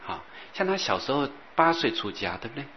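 A man teaching as a Buddhist master, rambling and repeating himself, sometimes chanting softly. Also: mid-range voice, very animated, fairly quick. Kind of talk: dharma talk. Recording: dull lo-fi recording with faint hiss.

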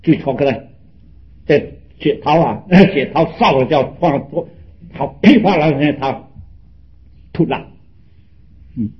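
Animated man giving a Buddhist dharma talk. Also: fairly high pitch, slow, pauses often, highs cut off. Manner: animated storytelling with rising emphatic questions. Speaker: Buddhist teacher.

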